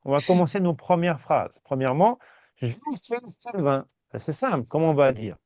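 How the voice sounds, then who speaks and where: A man teaching a language class, reassuring his students and repeating words slowly. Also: a little high, lively intonation, dark tone, no echo. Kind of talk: patient step-by-step class. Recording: dull, dry sound.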